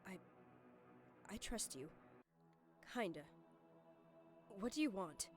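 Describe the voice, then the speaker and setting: A woman's voice: mid-range voice, lively intonation, slow pace, faint music behind. An actress playing a wary, frightened female survivor in a video game, guarded and blunt. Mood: wary, nervous.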